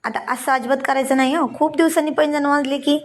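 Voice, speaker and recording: A teasing, affectionate young husband, voiced by a woman storyteller who coaxes in a light, fairly high voice. The delivery stays close to a plain reading voice, with playful banter. The tone is gentle and intimate. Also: fairly even intonation, fast talker, natural voice. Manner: teasing and coaxing.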